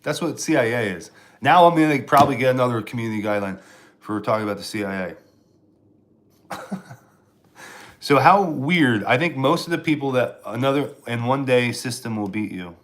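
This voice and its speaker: A man's voice: mid-range voice, expressive, moderate pace, pauses often, a bit bright. Rambling sarcastic man streaming live. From Pennsylvania, US. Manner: rambling, sarcastic, answering chat with restarts. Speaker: live streamer and stand-up comedian. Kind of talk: casual live-stream chat.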